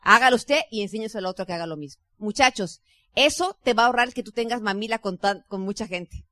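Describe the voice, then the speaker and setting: A woman's voice: medium pitch, quick pace, no echo, studio quality. A woman with a Mexican accent gives a chatty motivational business talk as a network marketing leader, speaking straight to her audience. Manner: chatty, lively, addresses the audience directly.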